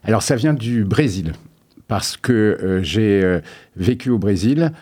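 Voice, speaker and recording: A man's voice: fairly low pitch, animated, a little slow, darkish tone. A man being interviewed as a guest artist, talking casually and hesitantly with many filler sounds.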